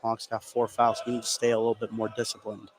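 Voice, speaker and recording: During a live high school basketball broadcast, a male color commentator offers conversational analysis between plays, talking fast in a monotone.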